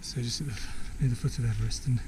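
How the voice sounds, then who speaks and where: A man's voice: mid-range voice, fairly even intonation, fast talker. A man narrating his mountain trek in a casual, upbeat vlog, thinking aloud as he walks. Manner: chatty, upbeat, thinks aloud while hiking. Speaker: trekker filming his trek. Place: outdoors on a high mountain trail. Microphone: handheld camera. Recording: outdoor camera mic with clear wind and ambient noise. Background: mountain ambience, helicopters.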